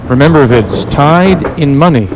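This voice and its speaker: A man's voice: fairly high pitch, expressive, moderate pace. A man hosting and calling a bowling match in a play-by-play style. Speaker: play-by-play sports host. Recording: noisy broadcast with loud crowd. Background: crowd and bowling alley noise.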